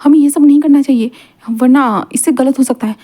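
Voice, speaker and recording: A woman's voice: high voice, fairly quick, warm tone, natural voice. A woman voicing a shy, flustered young man who stammers, in a storybook reading. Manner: stammering, embarrassed.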